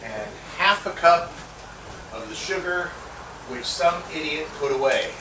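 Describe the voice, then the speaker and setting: Cooking in his own kitchen, a middle-aged host chats and jokes to himself throughout his easygoing show. He speaks at a measured pace in a fairly high, expressive voice. The roomy recording comes from a distant mic, and the background noise is clear.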